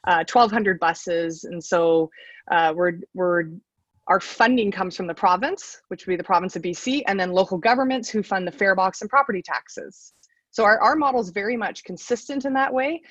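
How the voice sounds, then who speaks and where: A woman executive being interviewed from her home over a computer call, speaking in a measured, plain-spoken way. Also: mid-range voice, fairly bright tone, dry recording, dull audio. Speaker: transit agency CEO guest. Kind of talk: remote interview.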